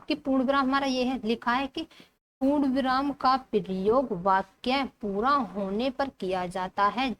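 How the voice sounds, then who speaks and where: A woman teaching a grammar lesson. She reads the textbook aloud slowly and keeps asking the class rhetorical questions as she explains. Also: on the high side, slight background noise. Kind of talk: Hindi grammar lesson walking through a textbook.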